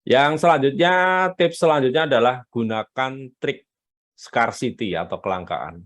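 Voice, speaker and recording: A man giving a live business coaching talk on selling, emphatic and animated, repeating his key points. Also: mid-range voice, normal speed, no echo.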